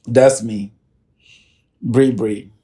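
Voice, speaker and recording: Brief: man mimicking a giggly know-it-all wife, pitched up, slow and sing-song, mellow tone. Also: fairly even intonation. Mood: teasing. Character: bubbly know-it-all wife, teased by her husband. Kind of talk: casual podcast banter.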